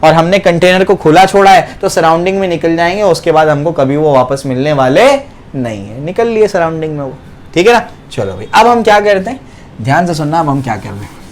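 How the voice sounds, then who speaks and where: Male chem teacher, bit high voice, keeps asking "clear hai?" and answering his own questions. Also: lively intonation, brisk, slight background noise. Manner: repeats questions and answers them himself, keeps checking understanding; uses everyday home examples. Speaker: chemistry teacher. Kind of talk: classroom lecture.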